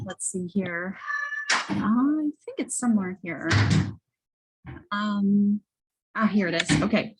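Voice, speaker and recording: A woman giving a casual, halting product testimonial as a host, often correcting herself as she goes. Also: mid-range voice, breathy edge, poor audio. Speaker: host presenting wellness products. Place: library children's area. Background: children and banging in background.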